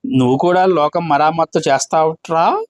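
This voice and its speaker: A man reading as a curious young widowed village woman in a read-aloud play. She asks plain, questioning lines in a fairly high voice that stays close to the reader's own. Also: moderate pace, no room sound, close to an everyday voice.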